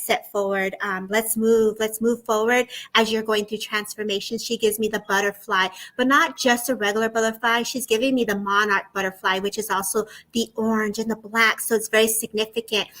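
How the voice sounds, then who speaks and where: A woman's voice: medium pitch, pushed and bright, rough recording. A woman hosting a live stream, bubbly and laughing often, calling people "girl" as she shares her own psychic impressions. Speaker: live stream host and medium. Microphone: video call.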